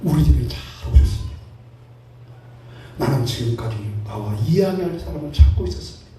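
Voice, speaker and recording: A lonely, gentle young woman who speaks calmly and sincerely, as a male preacher puts her on. The tone stays mellow, and the voice carries from some distance through a strongly echoing hall. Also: mid-range voice, a little fast, faint music behind, pitched below the performer's own voice, close to an everyday voice. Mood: earnest. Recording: very echoey hall, heard from a distance.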